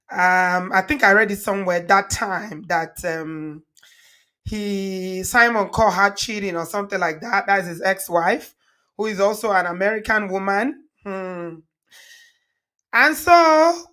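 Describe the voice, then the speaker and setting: A slightly hoarse woman with a Nigerian accent speaks at a medium pitch, sounding like she is getting over a cold. She hosts a casual online show, chatting directly to her viewers in a loose, conversational way. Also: sharp tone. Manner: chatty, repeats greetings and thanks. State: recovering from a cold. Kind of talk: casual livestream commentary to viewers.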